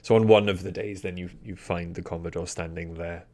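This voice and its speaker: A man's voice: deep voice, fairly even intonation, brisk, dark tone. A man narrating and running a tabletop role-playing game as its game master.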